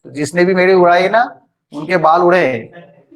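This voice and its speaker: High-voiced joking Indian math teacher. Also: male voice, normal speed. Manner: joking, chatty, teases students by name. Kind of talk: online class lecture.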